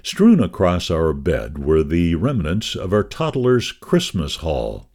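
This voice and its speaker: A man with a very low voice reads a devotional magazine column aloud. His reading is measured and scripted, and his intonation rises and falls in wide, lively swings. He keeps the same steady, expressive delivery throughout.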